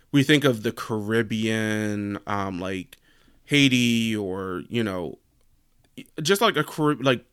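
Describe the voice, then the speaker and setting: Young American man, solo podcast host, meandering filler-heavy chat, smooth voice, dry close sound. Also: lowish voice, fairly bright tone, dry recording. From United States. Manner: rambling, heavy use of "like" fillers.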